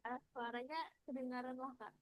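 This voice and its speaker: Woman on a class call, phone held way off so she's tiny and faint, flat tone, dry sound. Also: sits high, brisk, no room sound, poor audio. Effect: very faint voice, phone held away from her. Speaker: student in an online class discussion. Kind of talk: casual chat on a video call.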